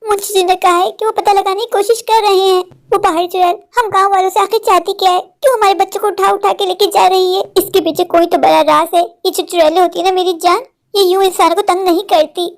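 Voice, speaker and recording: Woman voicing an anxious, possessive mother, very high voice. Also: fairly even intonation, fast talker. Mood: worried. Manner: doting, insistent, says "meri jaan". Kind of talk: Hindi cartoon voice acting.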